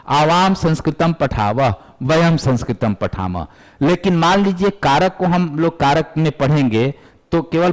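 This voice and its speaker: Guy teaching sanskrit grammar to students, bit high voice, chants the word lists slow, nags the class to pay attention. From Bihar, India. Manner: addresses students directly, scolding and urging. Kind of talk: classroom lecture.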